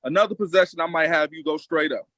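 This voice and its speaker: A man's voice: fairly high pitch, fast talker, a bit bright, no room sound, low-quality recording. A man with a slightly raised voice recorded close and dry, with no room sound, lays out his coaching plan on a basketball podcast. He speaks emphatically and confidently, hammering points home by repeating them. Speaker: podcast co-host with coaching experience. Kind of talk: casual basketball analysis.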